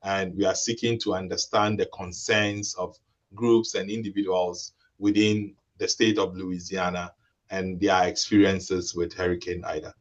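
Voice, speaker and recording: Soft-spoken man from Ghana, halting. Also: deep voice, level tone. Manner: halting, many restarts and fillers. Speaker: researcher and webinar participant. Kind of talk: explaining a role-play and introducing himself. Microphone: video call. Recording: lo-fi video call audio.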